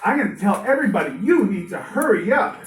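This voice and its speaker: A woman's voice: medium pitch, very animated, quick pace, faint music behind, natural voice. A woman voicing a fierce, determined teenage girl who scolds grown-ups insistently, heard in a roomy space from a distant mic. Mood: defiant. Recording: roomy room, distant mic, faint noise.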